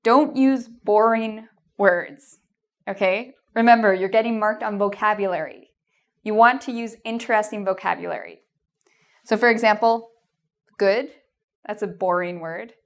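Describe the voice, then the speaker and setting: A woman with a Canadian accent and a medium-pitched voice speaks at a measured pace in a video lesson of English exam tips. She sounds encouraging and reassuring, often saying "um" and checking in with "okay?"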